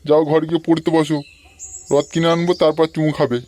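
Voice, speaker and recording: A man's voice: fairly high pitch, level tone, fairly quick, darkish tone, natural voice. A man voicing a doting but crude old grandfather in a comic cartoon. He sounds coarse but affectionate.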